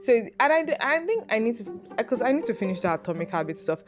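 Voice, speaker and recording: A young Nigerian woman hosts a podcast, speaking fast with a Nigerian accent in a fairly high voice that swings widely in pitch. She rambles through a list of advice in a casual, self-mocking monologue packed with fillers and swearing. The lo-fi audio sounds dull, with music playing underneath.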